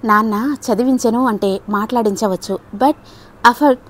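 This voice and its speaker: A shy, gentle young woman in an audiobook tale, voiced by a woman narrator. She speaks softly and hesitantly in a fairly high voice, and even her reproaches come out mild. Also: moderate pace, lightly acted. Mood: timid. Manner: soft, hesitant, quietly reproachful.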